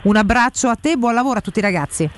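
A woman's voice: on the high side, very fast. A woman hosting live radio with chatty, informal, teasing banter. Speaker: radio host.

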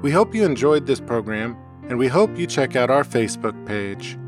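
A man hosting a homemade podcast, reading a scripted lesson in a measured, explanatory way. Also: mid-range voice, sing-song, music in the background. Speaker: podcast host. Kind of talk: scripted educational narration. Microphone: close home mic.

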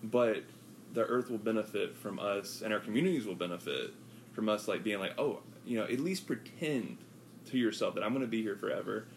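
A man chatting casually on a podcast, relaxed and rambling with lots of fillers. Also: lowish voice, brisk, a little hiss or hum, low-quality recording. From US West Coast. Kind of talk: casual chat.

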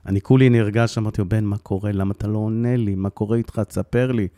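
A middle-aged man telling, with deep emotion, the story of losing his son, often repeating phrases for emphasis. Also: fairly even intonation, mellow, dry recording, studio quality. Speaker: guest, bereaved father.

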